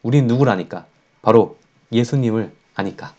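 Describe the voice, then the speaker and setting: A man in the role of a pastor, giving a sermon to children. His voice sits at a middle pitch, and he talks in an animated way, acting out the people in his stories. The recording is dull and lo-fi. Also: normal speed. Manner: animated, acts out voices of sinners and God in quotes.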